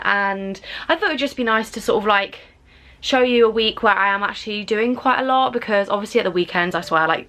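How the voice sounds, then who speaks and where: A woman's voice: medium pitch, a bit bright. Chatty young woman vlogging. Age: 20s. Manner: chatty, rambling, lots of "like" and "do you know what I mean". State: out of breath after exercise. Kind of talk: casual vlog chat. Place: at home and outdoors in a garden.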